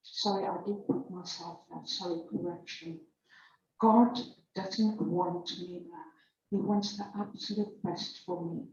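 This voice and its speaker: Slow, mellow woman. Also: on the low side, steady tone, slight background noise. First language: Afrikaans. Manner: halting, self-correcting, emotional. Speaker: church member giving testimony. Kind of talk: personal church testimony. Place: church hall. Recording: echoey church hall, distant dull mic.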